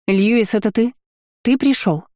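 A man voicing a gentle young noblewoman, anxious and kind, with a soft, urgent way of calling out. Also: on the high side, moderate pace, slightly rough, no echo, studio quality.

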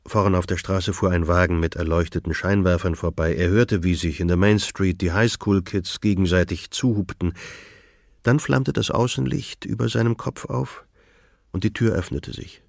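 A man reads a novel aloud in a measured, steady way, his voice very deep. The studio sound is close and dry, with no room around it. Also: vocal fry, dry recording. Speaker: audiobook narrator. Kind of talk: scripted narration.

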